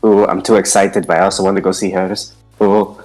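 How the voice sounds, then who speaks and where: An excitable player in casual role-play chat at a tabletop game, talking in halting phrases. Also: sits low, low-quality recording. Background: background music.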